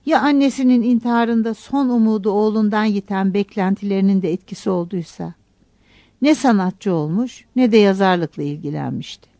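A woman calmly reading a literary novel aloud as an audiobook narrator. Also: mid-range voice, dry recording.

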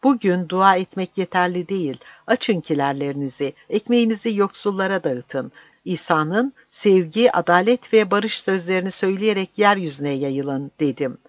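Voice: mid-range voice, lively intonation, normal speed, no room sound, pitched above the performer's own voice, close to an everyday voice. A fervent young monk, as an audiobook reader puts him on, pleading and declaiming with rising fire. The voice sits around middle height and is recorded dry, with a slightly dull, muffled sound. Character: passionate young male monk turned partisan. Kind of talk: audiobook reading.

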